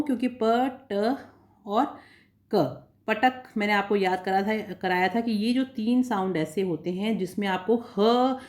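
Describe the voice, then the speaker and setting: A woman teacher patiently explaining a phonetics lesson, repeating points and sounding out single sounds slowly. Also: medium pitch, darkish tone. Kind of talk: exam-prep phonetics lesson.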